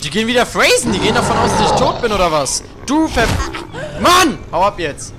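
A man's voice: high voice, very animated, a little fast, loud music behind the voice. A young man commenting on a video game he is playing, crude and jokey, trash-talking the characters on screen. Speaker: let's play gamer.

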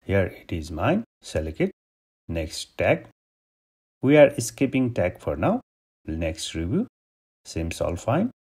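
Low husky guy from nepal walking through a software tutorial step by step, voice swings up and down a lot. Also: slow pace, long pauses. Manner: steady step-by-step instructions. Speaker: tutorial host. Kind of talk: screen-recorded software tutorial.

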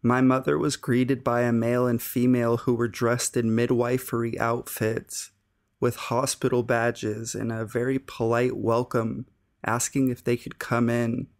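A man reads scary stories in a gravelly voice. His delivery is steady and unhurried, with a flat, even tone. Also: mid-range voice. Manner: slow, even storytelling delivery. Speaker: narrator. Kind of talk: scripted narration.

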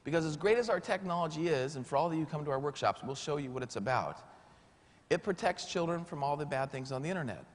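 A man giving a motivational speaker's pitch, energetic and emphatic, repeating words for punch. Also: quick pace.

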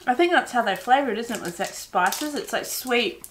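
A chatty Australian woman hosting a relaxed snack-tasting video. She keeps talking even with her mouth full, in an easy, casual way. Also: a little high, fairly quick, slight background noise. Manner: chatty, talks while chewing. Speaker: host.

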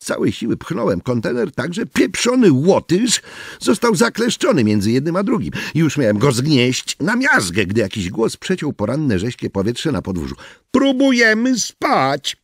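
A man narrating a first-person story as an audiobook with a very animated, expressive delivery. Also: mid-range voice, moderate pace, creaky, slightly rough, dry recording, clean studio sound.

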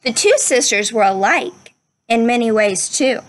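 A young adult storyteller reads a children's picture book aloud and talks to young viewers in simple, teaching terms from a covered wooden pavilion outdoors. She sounds expressive and unhurried, with a fairly high voice.

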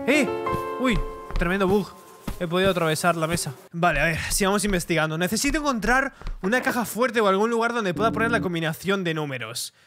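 A young man from commenting on a horror game, easily startled and repeating exclamations. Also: high-pitched. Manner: jumpy, reacts with frightened shouts and repeated exclamations. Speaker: gaming streamer.

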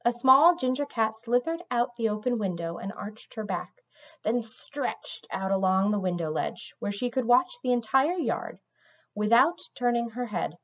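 Woman audiobook reader, lively and animated storybook narration, muffled lo-fi home recording. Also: fairly high pitch, unhurried.

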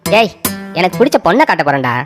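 A woman's voice: on the low side, big pitch swings, fast talker, soft background music. A woman putting on a blustering elder brother. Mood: scheming. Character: bossy, self-pitying elder brother, grown man. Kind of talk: cartoon story voice acting.

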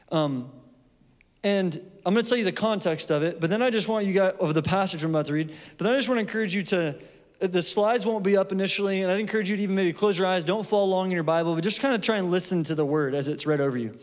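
A man preaching a sermon in a church in a loose, conversational way, with fillers and restarts. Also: sits high. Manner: conversational, with fillers and self-corrections. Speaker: pastor. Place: church sanctuary. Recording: long hall reverb.

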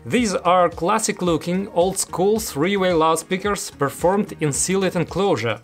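A man in his thirties with a high-pitched voice speaks a little slowly as host of a scripted product review, addressing the camera. He reviews audio gear from a small indoor studio room, with music in the background.

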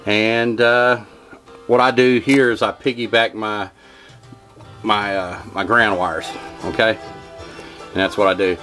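Man, lowish voice, folksy rambling how-to tech, faint music underneath. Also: level tone, slow, pauses often, sharp tone. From Kentucky. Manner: folksy, rambling, lots of "uh" and "okay, y'all". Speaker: HVAC technician. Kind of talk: hands-on how-to demonstration. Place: home workshop with wood-paneled walls.

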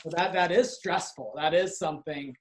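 A man's voice: a little high, moderate pace, a little hiss or hum, low-quality recording. A man who works for a community organization, talking earnestly and reflectively in a casual conversation.

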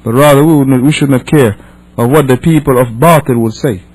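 The audio is low quality as a Senegalese imam, not a native English speaker, teaches a religious class. He talks fairly quickly in a mid-range, slightly mellow voice with a breathy edge, reading and explaining with forceful repetition, rephrasing, and rhetorical questions.

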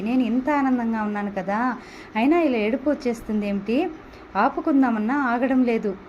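A woman with a Telugu accent reading a novel aloud as the narrator, gently voicing the dialogue. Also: a little high, slight background noise, poor audio.

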